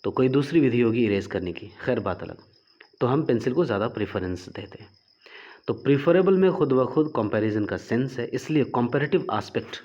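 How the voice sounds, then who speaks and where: A man teaching English grammar for exams, explaining step by step and reading example sentences slowly and deliberately. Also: mid-range voice, lively intonation, darkish tone, highs cut off. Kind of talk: explaining exam grammar questions in Hindi.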